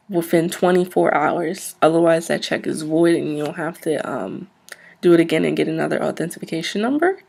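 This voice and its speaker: In an ASMR roleplay, a soft-spoken woman with a lowish, creaky voice plays a polite, businesslike job interviewer who explains things a little hesitantly.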